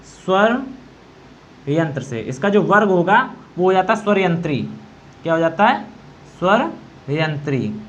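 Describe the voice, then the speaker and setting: A male teacher giving an exam-prep grammar lesson, quizzing students, repeating answers and slowly demonstrating sounds. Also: high-pitched, very animated, a little hiss or hum. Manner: quizzing, repeats answers, asks "okay?" often. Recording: dull lo-fi recording.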